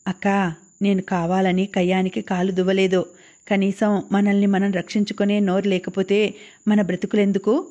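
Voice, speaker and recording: A woman reading the lines of a spirited young female college student in an audiobook novel, in an even, plain voice. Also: medium pitch, normal speed, lo-fi sound, lightly acted. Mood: earnest.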